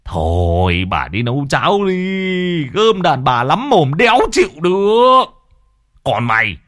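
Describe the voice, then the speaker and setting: A man's voice: fairly low pitch, very animated, normal speed, sharp tone. A man voicing a harsh, bad-tempered middle-aged father, barking orders. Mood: angry scolding.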